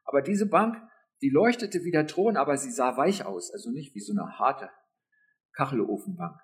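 A man preaching a sermon in a lively, intimate way, speaking straight to his listeners. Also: medium pitch, moderate pace.

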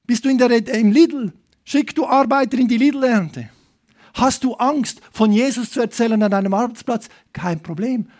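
A man preaching an evangelistic sermon, making emphatic appeals, asking the audience direct questions, and swinging between loud calls and quiet asides. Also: very high voice, moderate pace. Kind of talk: lively sermon to a congregation.

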